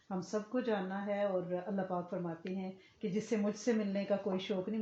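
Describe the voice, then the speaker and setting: Warm-voiced woman teaching in an echoey room. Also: mid-range voice. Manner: earnest, explanatory, often checks in with listeners. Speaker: Islamic religious teacher. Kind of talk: religious lecture to a women's class. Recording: echoey room, slightly muffled sound.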